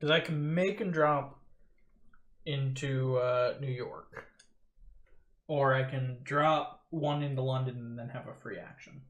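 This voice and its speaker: A man's voice: medium pitch, slow pace, fairly bright tone, dull audio. A man in his early twenties playing a board game, asking questions and thinking his moves aloud in casual chat. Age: 20s. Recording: echoey room.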